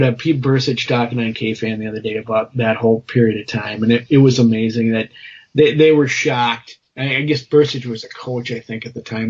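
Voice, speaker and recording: A man co-hosting a sports podcast, a former reporter who talks in a halting, opinionated way with many restarts. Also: medium pitch, breathy edge. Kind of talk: casual chat. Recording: slightly dull podcast audio.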